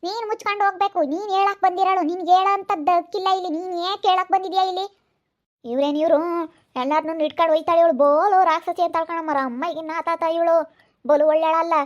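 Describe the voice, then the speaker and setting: A woman playing a quarrelsome village wife in a comedy-drama, scolding quickly and combatively. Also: very high-pitched, fairly even intonation, dull audio. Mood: quarrelling. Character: sharp-tongued village wife, quarrelsome and loud.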